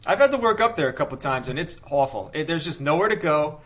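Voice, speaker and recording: A fast-talking man with a slightly high voice who spins casual stories on a podcast. His delivery is chatty and runs quickly from one detail to the next. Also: animated, fairly bright tone. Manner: chatty, rapid anecdote-telling. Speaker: podcast co-host.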